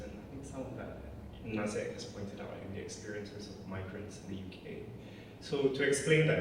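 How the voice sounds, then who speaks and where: A man in his forties from Malaysia, a climate charity director, giving a reflective, candid personal talk at an evening event. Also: fairly low pitch. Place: large church hall. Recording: echoey hall, distant mic, audible noise.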